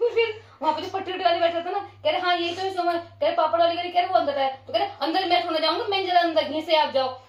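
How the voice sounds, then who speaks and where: A woman's voice: very high-pitched, fast talker, highs cut off. A woman vlogger from Uttarakhand telling a funny story in casual Hindi, laughing often. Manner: laughing often while retelling. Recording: echoey room, from far off.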